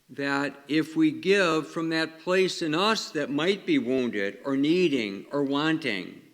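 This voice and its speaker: A man's voice: medium pitch, fairly bright tone. A man, a parish priest, reads the Gospel and preaches in a plain-spoken way, asking the congregation questions, with a long cathedral echo around his voice. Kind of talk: Gospel reading and conversational homily. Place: large church. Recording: long echo of a large church.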